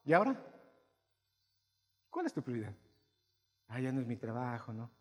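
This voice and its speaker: A male pastor preaching to his congregation, asking them questions and swinging between quiet asides and loud, emphatic bursts. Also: medium pitch, huge pitch swings, moderate pace, breathy edge. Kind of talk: sermon. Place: church hall. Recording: long hall reverb.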